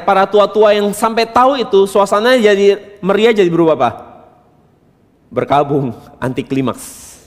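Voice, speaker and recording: A male pastor preaching a sermon from Indonesia, asking rhetorical questions and swinging between quiet asides and loud emphatic bursts. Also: sits high. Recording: reverberant church hall.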